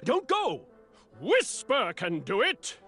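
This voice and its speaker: A vain boastful knight. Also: male voice, very high-pitched, huge pitch swings, slow pace, a bit bright, soft background music, full character voice. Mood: eager. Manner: theatrical, self-adoring, speaks of himself in third person. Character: vain boastful male knight, talks about himself in third person. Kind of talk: video game voice acting.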